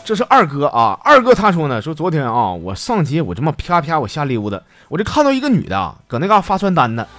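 A man's voice: on the high side, quick pace, hardly any pauses, faint music behind. A man with a Northeastern Chinese accent hosting a radio-style show, telling listeners' funny stories and voicing the people in them. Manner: jokey, animated, voices the characters in his stories. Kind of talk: comedic storytelling.

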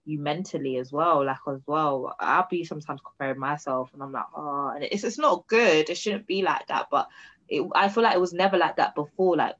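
A woman's voice: deep voice, brisk, fairly bright tone, dull audio. A woman in her early twenties with a London accent, hosting a casual chat in informal, slangy speech. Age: early 20s. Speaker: podcast host.

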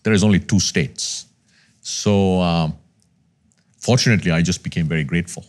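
Telling his life story as a podcast guest, a man from Sri Lanka in his fifties speaks earnestly and reflectively in candid conversation. He has a low-pitched voice and keeps a moderate pace.

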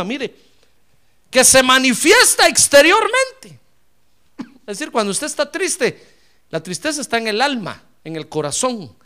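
A male pastor preaching a sermon, fervent, swinging from loud exclamations to quiet asides and often addressing his listeners directly. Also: extremely high pitch. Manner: repeatedly addresses listeners as "hermano".

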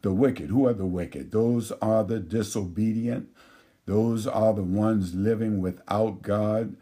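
A man's voice: lowish voice, steady tone, dark tone. A man preaching a sermon, reading scripture aloud and explaining it verse by verse with frequent restarts. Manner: slow, measured teaching with frequent restarts. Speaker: pastor.

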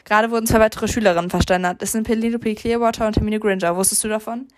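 A woman's voice: medium pitch, steady tone, rapid-fire, dry recording, studio quality, close to an everyday voice. A young woman reading a stern, caring professor. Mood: serious. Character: stern but caring older female professor.

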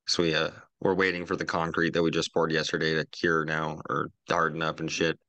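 A man with a very deep voice and a bright, forceful edge hosts a casual podcast. He is laid-back and conversational and swears freely. The sound is close and dry. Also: level tone, fairly quick, dry recording. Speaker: podcast host.

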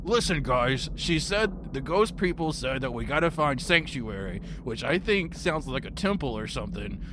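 A man's voice: medium pitch, expressive, moderate pace, noisy background. A man role-playing as a player in a tabletop game, with a simple, plainspoken manner. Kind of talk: tabletop role-play in character.

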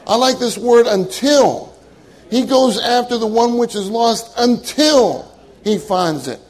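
A man's voice: very high voice, lively intonation, slow pace, poor audio. A man preaching a sermon to a congregation, earnest and emphatic, often repeating key phrases for weight. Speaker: minister.

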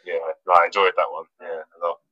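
In a casual interview, a male footballer from England talks quickly in a low voice, relaxed and hesitant, with frequent fillers and restarts. The audio has no room sound and comes across dull.

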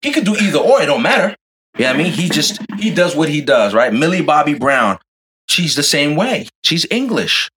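A man co-hosting a casual group chat, animated and joking, quick to tease the others. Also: fairly high pitch, crowd noise. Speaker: podcast co-host.

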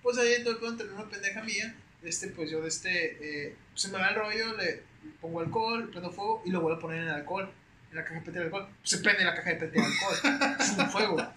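A young man with a Mexican accent, a podcast guest telling stories in a slangy, animated, casual way. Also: sits high, fast. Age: young adult. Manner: slangy, animated, peppers speech with güey. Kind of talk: casual storytelling chat. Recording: roomy echo with faint hiss.

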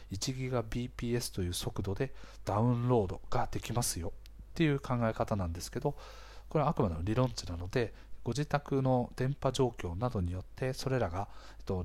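A man speaks as the host of a casual explainer. His voice is a little hoarse and sits at an ordinary middle pitch. He talks conversationally, walking the listener through points with small interjections along the way. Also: a little mellow. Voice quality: hoarse, gravelly-sounding voice. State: slightly hoarse. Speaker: podcast host.

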